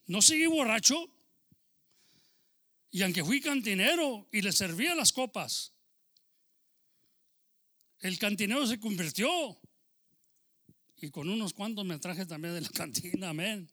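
A man preaching a sermon, shifting between loud proclaiming and quiet, confiding testimony. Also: high voice, animated, measured pace, long pauses. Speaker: pastor.

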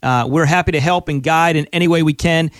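Male talk radio host, slightly high voice, earnest motivational conversational delivery, very dry studio sound. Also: brisk, no echo. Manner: earnest, motivational, with rhetorical check-ins. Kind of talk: conversational radio interview hosting.

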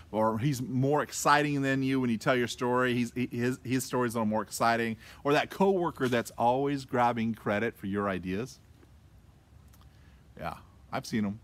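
A man preaching a casual, conversational sermon with playful asides. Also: medium pitch. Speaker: pastor.

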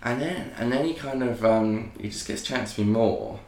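A man's voice: medium pitch, moderate pace, gravelly, darkish tone, reverberant. A young man telling a story in casual podcast chat, rambling with lots of fillers and acting out other people's lines. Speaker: podcast co-host.

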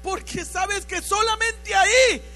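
A woman preaching a fervent sermon, at times rising to a shout. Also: very high voice, fairly even intonation, takes it slowly, slight background noise.

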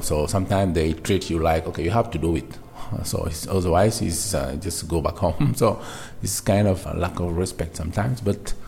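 A man from Senegal with a Senegalese accent answers interview questions informally in non-native English, haltingly searching for words. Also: deep voice, vocal fry, a little mellow. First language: not English. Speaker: interviewee, migrant worker.

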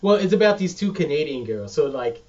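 A man co-hosting a casual podcast chat, animated and laughing often, swearing freely. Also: on the high side, a little fast. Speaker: podcast co-host. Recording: distant lo-fi mic.

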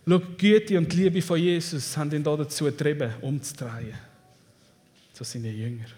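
A man preaching a sermon with a Swiss German accent, animated, swinging between loud declarations and hushed asides. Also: on the high side, moderate pace. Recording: long hall reverb.

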